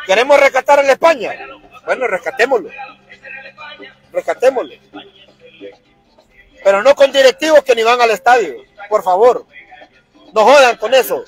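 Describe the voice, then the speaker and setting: Honduran guy venting about his team, high pitched voice, soft music behind. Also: expressive, moderate pace, long pauses, breathy edge, no room sound, poor audio. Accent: Honduran Spanish. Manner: fired-up, crude, repetitive ranting. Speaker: football fan vlogger. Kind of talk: angry fan rant to camera.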